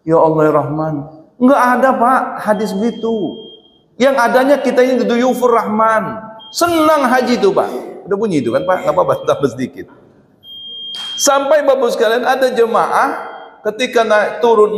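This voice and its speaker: A man preaching a humorous sermon, telling stories and constantly addressing his listeners directly. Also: very high-pitched. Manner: chatty, keeps addressing listeners as Pak. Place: mosque hall. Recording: echoey mosque hall with long reverb.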